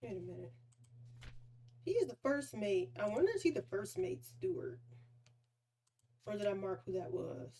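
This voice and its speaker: A woman's voice: medium pitch, big pitch swings, normal speed, long pauses, warm tone, breathy edge. A woman streamer thinking aloud as she plays a game, musing and trailing off mid-thought in a casual way. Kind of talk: casual live gameplay commentary. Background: game music.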